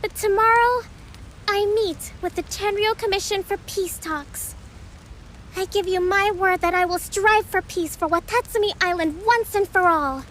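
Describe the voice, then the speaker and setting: A woman playing a gentle, earnest young female leader in a video game, speaking softly and politely in measured phrases. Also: extremely high pitch, slight background noise, low-quality recording. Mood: solemn, rallying.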